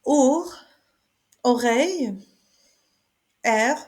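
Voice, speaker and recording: A woman's voice: sits high, expressive, extremely slow. A woman teaching German from French, repeating each word in German, French and English, with hesitant fillers. Her first language is Arabic. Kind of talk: slow alphabet lesson. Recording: soft music behind.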